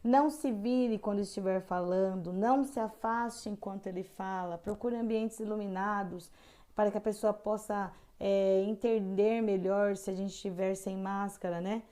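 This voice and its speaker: A woman's voice: medium pitch, steady tone, normal speed, warm tone. A middle-aged woman teaching a caregiver course, reading guidelines with earnest asides and frequent hesitations. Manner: earnest, frequent hesitations, emphatic on key points.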